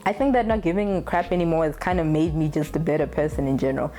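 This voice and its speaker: A woman's voice: sits low, quick pace, dark tone, faint music behind. A young adult woman talking casually to camera in a candid, blunt way, swearing freely. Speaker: vlogger.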